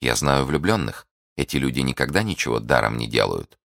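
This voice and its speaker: A man voicing a cold, scheming noblewoman in an audiobook, speaking softly and with restraint. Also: very deep voice, lively intonation, brisk, creaky, dry recording, studio quality, exaggerated voice. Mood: cool. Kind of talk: audiobook character reading.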